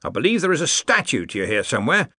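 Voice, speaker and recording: A man voicing a gruff, bossy male head wizard who talks briskly and gives orders. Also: mid-range voice, very animated, bright, forceful tone, no room sound, studio quality, voice pushed up. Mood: commanding. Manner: brisk and commanding.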